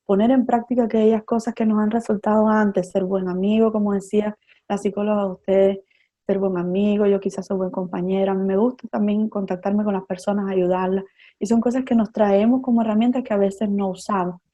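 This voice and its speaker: A woman's voice: medium pitch, steady tone, a little fast, dark tone, highs cut off. A woman psychotherapist giving an expert explanation in an interview, laying out her ideas step by step with examples. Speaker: psychotherapist guest.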